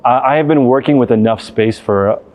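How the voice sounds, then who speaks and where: A man's voice: mid-range voice, moderate pace, narrow, tinny audio. A man speaking casually and off the cuff as a vlog host, walking through a large empty warehouse. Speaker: vlog host, reselling business owner. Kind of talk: casual unscripted walk-through tour.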